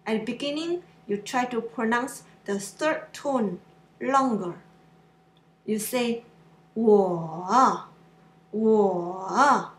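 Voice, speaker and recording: A woman's voice: on the high side, takes it slowly, reverberant. A woman teaching Mandarin pronunciation in simple, slightly broken English, drawing out each syllable and exaggerating the tones. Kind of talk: slow pronunciation lesson.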